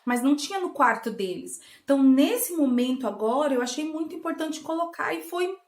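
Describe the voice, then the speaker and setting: A woman's voice: high voice, lively intonation, a little fast, echoey room. A woman in her thirties, a channel host from Brazil, giving parenting tips from her children's bedroom at home. She talks in a casual, coaxing way and acts out playful games with a child. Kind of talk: casual home teaching talk.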